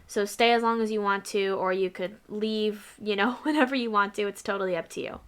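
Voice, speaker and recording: A woman's voice: mid-range voice, fairly even intonation, brisk, fairly bright tone, clear, resonant tone. A woman hosting her own channel, chatting casually and rambling through a list of her past videos with asides. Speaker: channel host.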